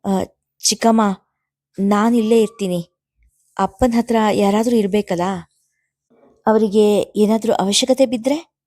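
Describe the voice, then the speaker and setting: A woman's voice: mid-range voice, fairly even intonation, unhurried, pauses often, darkish tone, dry recording, clean studio sound, close to an everyday voice. Woman reading as a tearful young daughter. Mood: earnest.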